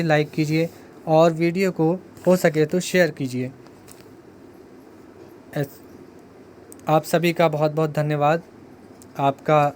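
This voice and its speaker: A man with a high voice teaches an exam-prep grammar lesson. He explains step by step, repeats key terms and puts questions to the viewer. A faint hiss runs under the recording.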